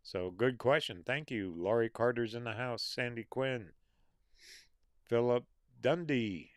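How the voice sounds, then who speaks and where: A man's voice: mid-range voice, unhurried, no echo, clean studio sound. A man hosting a live stream, reading out viewer names and comments in a casual chat and answering their questions, his voice a bit worn. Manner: reads out viewer names and comments with small laughs. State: losing his voice.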